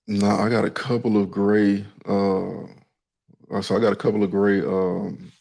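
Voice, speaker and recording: A man's voice: fairly low pitch, little pitch movement, measured pace, gravelly, a little mellow. A young man with a Southern accent from Texas, chatting casually in a loose, laid-back way that keeps checking in with the listener. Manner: laid-back, loose, keeps saying "you know what I mean". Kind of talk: casual chat.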